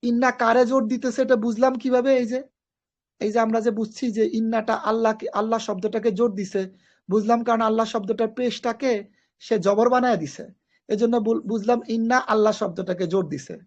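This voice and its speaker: A woman's voice: fairly high pitch, fairly even intonation, moderate pace, darkish tone. A woman from Bangladesh, teaching an online grammar class. She explains step by step, repeats key phrases and mixes in English grammar terms. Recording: dull lo-fi recording.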